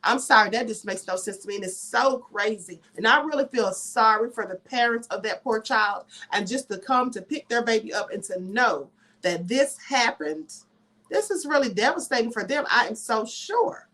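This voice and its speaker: Chatty woman host, higher-pitched, emphatic live commentary with asides. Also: lively intonation, moderate pace, a bit bright. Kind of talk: live commentary and reading news aloud.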